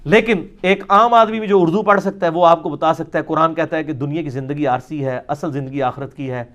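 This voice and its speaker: A man's voice: fairly high pitch, fairly even intonation, fairly bright tone, muffled recording. A man giving a religious talk, arguing with sarcasm and reading quotations aloud. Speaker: religious speaker.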